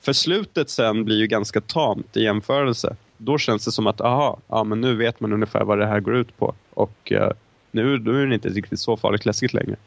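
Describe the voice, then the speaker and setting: A man's voice: lowish voice, gravelly, dry recording. A young man co-hosting a casual film review chat, talking in long, winding, hesitant turns. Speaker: film podcast co-host.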